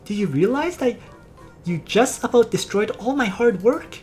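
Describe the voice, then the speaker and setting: A pouty, excitable young mage girl who scolds and whines in a raised, lively voice, as a woman reads her game lines aloud. She frets and gets flustered easily. Soft game music plays underneath. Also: a little high, normal speed, voice pushed up, lightly acted. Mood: scolding. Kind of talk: reading game dialogue aloud.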